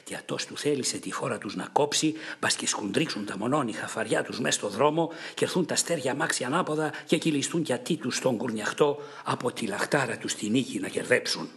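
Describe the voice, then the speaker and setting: A man narrating an audiobook of an epic poem in a measured, dramatic way. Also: mid-range voice, a bit bright.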